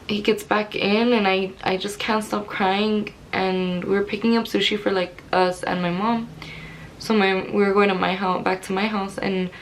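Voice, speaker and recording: A woman's voice: medium pitch, gravelly, slight background noise, poor audio. Candid young woman telling a story. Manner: candid, rambling, many "like" fillers. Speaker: vlogger. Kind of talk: personal storytelling to camera.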